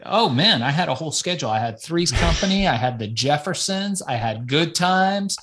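A man's voice: on the high side, expressive, moderate pace, noisy background. Reflective man from Iran, casual guest. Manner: reflective, casual, swears now and then. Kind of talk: podcast interview.

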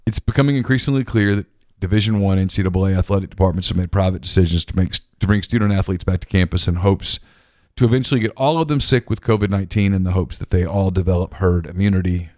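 A man's voice: deep voice, quick pace, a little mellow, no echo. A man co-hosting a sports talk show, bantering wryly and reading listener questions aloud in a studio. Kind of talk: casual sports radio chat. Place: radio studio. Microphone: studio microphone.

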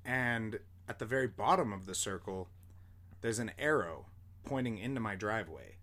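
A man's voice: on the low side, lively intonation, moderate pace, a bit bright. Young guy rambling through a story on a podcast, lots of likes and you knows, swears a bit. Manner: rambling, full of fillers and casual swearing. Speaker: podcast host. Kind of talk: casual storytelling.

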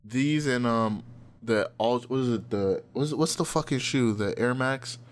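A podcast host with a medium-pitched voice chats casually at a slightly slow pace. He rambles, swears, and leans heavily on fillers.

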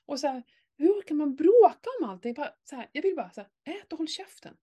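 Animated woman telling a story, swearing freely. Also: sits high. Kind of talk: candid casual chat.

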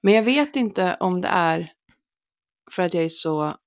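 Gravelly-voiced woman chatting. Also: fairly low pitch, animated. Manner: reflective, earnest, mimics exchanges in dialogue. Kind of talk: casual chat.

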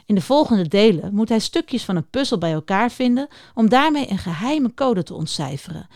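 A woman gives a scripted introduction to a children's book series, speaking directly and warmly to young listeners. Her voice sits at a middle pitch. The sound is dry and close, with no room echo. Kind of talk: scripted morning-opening talk for children.

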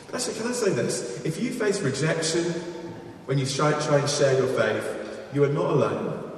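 A man giving an earnest, animated sermon that mixes in personal stories and wry humour. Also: a little high, moderate pace, slight background noise. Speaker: evangelist speaker. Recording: echoey hall, mic from far off.

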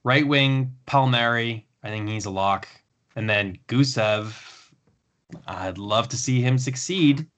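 A man hosting a casual podcast chat, relaxed, talking in long runs with fillers. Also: medium pitch, slow. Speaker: podcast host.

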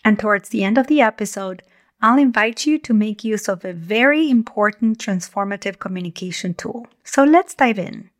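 Woman, forties, podcast host, calm measured monologue. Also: medium pitch. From Argentina. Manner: calm, measured, gentle delivery. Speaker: podcast host and communication coach.

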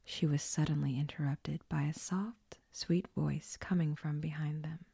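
A woman narrating a scripted horror story in a hushed, often whispered delivery. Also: sits low, steady tone, a little slow, gravelly, slightly rough, no echo, studio quality.

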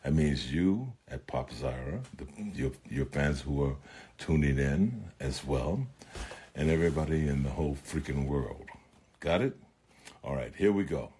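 A man's voice: rumbling low, expressive, unhurried, mellow, slightly rough. A man giving a playful recorded intro for a podcast, chanting and sing-song.

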